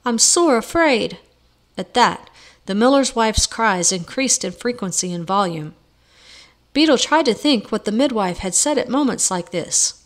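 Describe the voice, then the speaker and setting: A woman narrating a storybook novel aloud in a measured, even way. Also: mid-range voice. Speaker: audiobook reader.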